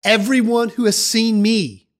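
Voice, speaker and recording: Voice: mid-range voice, steady tone, unhurried, lightly acted. A narrator voicing Jesus in a dramatized Bible story, speaking in an earnest, reassuring way to his followers. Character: calm earnest male Jesus teaching followers.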